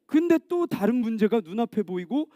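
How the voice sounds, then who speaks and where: A man giving an animated children's sermon, telling a story and asking the kids questions. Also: extremely high pitch, brisk, no echo, studio quality. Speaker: children's ministry preacher.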